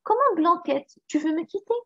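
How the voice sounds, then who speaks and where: A woman's voice: extremely high pitch, animated, normal speed, a bit bright, voice pushed up, heavily acted. A woman voicing a kindly, worried old goat farmer in a storybook reading, fretful and pleading. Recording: slightly dull recording.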